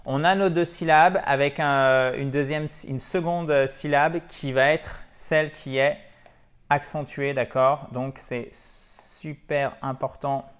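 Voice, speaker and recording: A man teaching English pronunciation to French speakers, playful and repeating each word slowly to drill the stress. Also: a little high, steady tone, clean tone. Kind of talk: pronunciation lesson.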